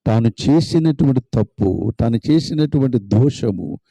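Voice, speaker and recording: A man's voice: medium pitch, expressive, a little slow, creaky, dark tone, no room sound. A man preaching a sermon as a pastor, retelling a story emphatically with lots of repetition.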